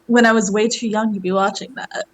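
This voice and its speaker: A woman's voice: medium pitch, fairly even intonation, a little fast, low-quality recording. A woman in her thirties, a podcast guest, joking about herself with lots of laughter and dramatic exclamations. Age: 30s. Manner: self-mocking, laughs a lot, dramatic exclamations. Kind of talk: casual chat.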